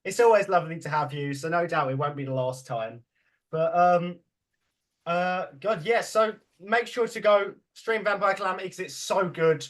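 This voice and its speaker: A man's voice: high-pitched, moderate pace. A man hosting a casual podcast, laughing, swearing and rambling as he chats with his guests. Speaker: podcast host.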